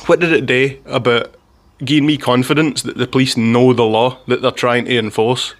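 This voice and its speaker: A man's voice: medium pitch, fairly even intonation, moderate pace. Scottish guy from ayrshire, mid voice, casual rambly vlog chat, keeps restarting. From Scotland. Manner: rambling, with frequent restarts and chuckles. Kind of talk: casual storytelling monologue.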